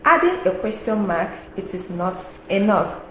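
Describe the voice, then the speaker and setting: A woman teaching a Mandarin lesson, explaining slowly and deliberately, asking the viewer questions and singing out tone examples at a higher pitch. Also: big pitch swings. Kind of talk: online language lesson. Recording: roomy echo with faint background noise.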